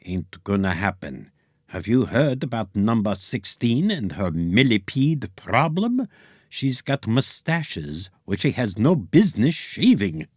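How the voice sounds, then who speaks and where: A man's voice: lowish voice, very animated, slow pace, a little mellow, dry recording, clean studio sound, exaggerated voice. A man reading a story, voicing a cynical egg-alien creature who mutters his complaints. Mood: grumbling.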